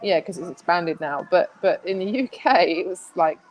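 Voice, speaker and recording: A woman's voice: lowish voice, lively intonation, moderate pace, darkish tone, poor audio. A woman speaking as a guest in a casual interview, chatty, with many restarts and fillers.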